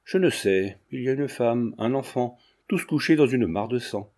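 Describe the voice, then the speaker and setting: A man's voice: mid-range voice, lively intonation, normal speed, a little mellow. A man voicing an anxious, earnest young man in love who talks urgently.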